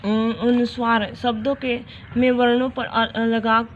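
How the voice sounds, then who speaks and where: A woman teaching a grammar lesson for children, explaining slowly and repeating each question and example. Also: on the high side, level tone. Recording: dull lo-fi recording with clear noise.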